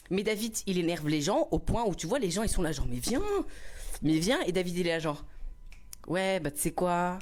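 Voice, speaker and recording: A young man telling a story on a live stream in casual chat, animated and laughing often, acting out a quarrel loudly, on a small clip-on mic indoors. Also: on the high side. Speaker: livestreamer.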